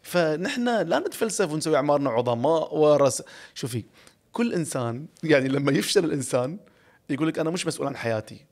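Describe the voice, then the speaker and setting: Man, 40s, Emirati Arabic accent, rapid speech, slightly high pitch, animated storyteller, studio mic. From Ras Al Khaimah, UAE. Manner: animated, gestures a lot, laughs often, reflective. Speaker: podcast guest, broadcaster. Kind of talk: casual storytelling interview. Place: podcast studio, indoors. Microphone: studio boom mic close up.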